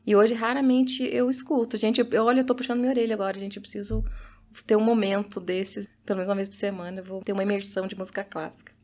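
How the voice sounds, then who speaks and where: A woman's voice: mid-range voice, little pitch movement, fast, darkish tone. A Brazilian woman, a teacher, co-hosting a podcast and chatting in a personal way with family anecdotes. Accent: Brazilian Portuguese. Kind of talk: casual podcast chat.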